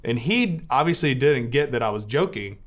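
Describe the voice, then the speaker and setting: Priest, man, informal church talk, chatty storytelling, mid-pitched voice. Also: moderate pace. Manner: relaxed storytelling with filler words.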